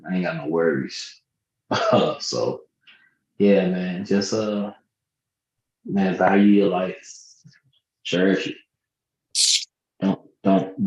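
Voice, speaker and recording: A man's voice: low voice, darkish tone. A man on a podcast giving earnest, direct advice in casual street slang. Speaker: guest. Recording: roomy, dull lo-fi sound.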